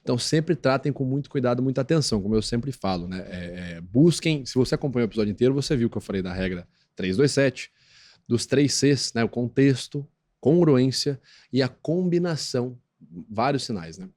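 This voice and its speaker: This is a man with a Brazilian accent, talking as a guest expert on a podcast. His pitch sits squarely mid-range, and his delivery is teacherly and explanatory. He leans on little tag questions to keep the listener with him, and he slips into squeaky acted-out voices when quoting others. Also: expressive, fairly quick, darkish tone. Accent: Brazilian Portuguese. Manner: didactic, peppers talk with tag questions; acts out quoted voices in a high squeak. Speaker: guest expert on lie detection. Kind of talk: explanatory podcast interview talk.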